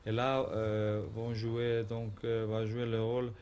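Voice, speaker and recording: A man's voice: medium pitch, monotone, slow, a little mellow, slight background noise. Man, searching for words. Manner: searches for French words, determined. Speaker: boxer. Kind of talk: TV talk show guest.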